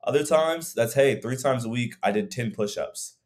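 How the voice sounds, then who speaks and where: A man's voice: mid-range voice, lively intonation, moderate pace. A young man, a fitness coach co-hosting a podcast over a video call, talking in a reflective, rambling way with many fillers. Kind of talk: casual podcast conversation. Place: room at home.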